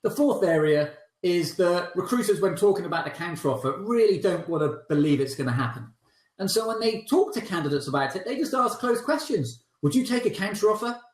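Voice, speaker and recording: A man with a fairly high voice coaches recruiters with lively, emphatic energy. His voice rings around an echoey room, giving it a roomy sound. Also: fairly quick. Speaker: sales trainer for recruiters. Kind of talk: talking-head training video.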